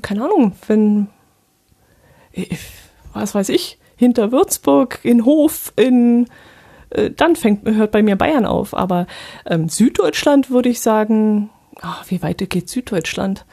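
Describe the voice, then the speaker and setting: A woman's voice: fairly high pitch, lively intonation, takes it slowly, warm tone, slightly rough. A woman from the Allgäu chatting casually in neutral standard German, hesitant and thinking aloud. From Allgäu, Bavaria. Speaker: conversation partner. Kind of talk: casual chat.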